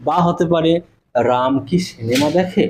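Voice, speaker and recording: A man's voice: on the high side, normal speed, darkish tone, a little hiss or hum, rough recording. A man teaching a spoken English class to students. He explains step by step, spells words out letter by letter and keeps checking in with "okay?".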